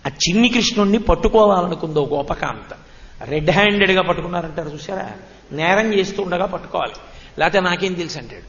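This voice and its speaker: A man's voice: high-pitched, fast talker, a bit bright. A middle-aged man giving a devotional discourse, telling stories, acting out the characters and chanting verses. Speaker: pravachan speaker. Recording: dull lo-fi recording in a reverberant hall.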